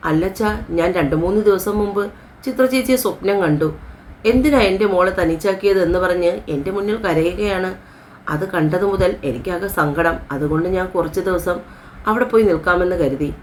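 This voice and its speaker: A woman's voice: on the low side, fairly quick, darkish tone, slight background noise, close to an everyday voice. A woman reading as a scheming pleading young woman.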